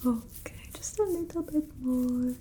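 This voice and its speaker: A woman voices a slow, whispery female vampire looking after her human familiar in ASMR roleplay, mixing soft speech with whispering. Her high, breathy voice is exaggerated, and though she's bossy and gently scolding in a halting, matter-of-fact way, the mood is soothing and protective.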